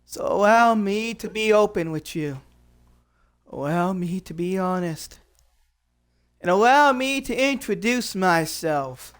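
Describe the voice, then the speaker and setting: A performer playing a cocky male wrestling company owner, cutting a boastful in-character promo with drawn-out dramatic pauses. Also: mid-range voice, animated, a bit bright, clear, resonant tone.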